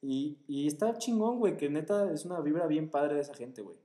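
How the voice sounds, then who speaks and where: A man's voice: a little high, lively intonation, fairly quick, mellow. Slangy Mexican man, echoey room. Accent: Mexican Spanish. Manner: crude slangy banter, says güey constantly. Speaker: podcast co-host. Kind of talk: casual chat.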